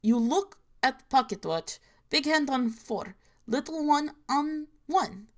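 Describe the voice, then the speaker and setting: A woman narrates parody horror stories deadpan in an inaccurate mock Russian accent, dropping articles in clipped, broken grammar. She speaks slowly, her voice sitting high, pitched above her natural one.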